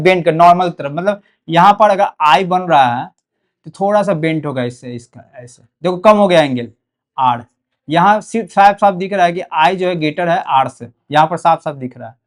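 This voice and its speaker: A young man with a Bihari Hindi accent teaching a board exam physics lesson, repeating key terms and checking in often with "okay". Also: sits high. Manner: repetitive, drills key words, frequent "ठीक है".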